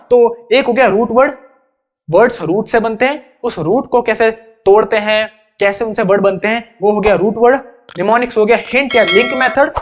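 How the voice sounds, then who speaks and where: Brief: very high-pitched male tutor, chatty repetitive explaining, dull lo-fi sound. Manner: chatty, repetitive explaining, addresses students as bhai. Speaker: English teacher. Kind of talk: exam-prep vocabulary lesson. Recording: dull lo-fi recording.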